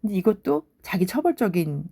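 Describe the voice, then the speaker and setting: A woman's voice: mid-range voice, big pitch swings, a little fast, vocal fry, dark tone, slightly rough. A woman talking casually and reflectively about a TV drama, musing aloud as she goes. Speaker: drama reviewer. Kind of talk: casual commentary.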